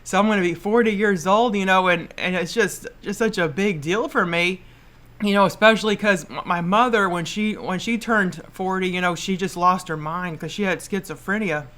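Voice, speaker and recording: With a mid-range, somewhat bright voice at a moderate pace, a woman in her late thirties runs a podcast alone. Her casual advice wanders, circles back on itself and comes with stumbles.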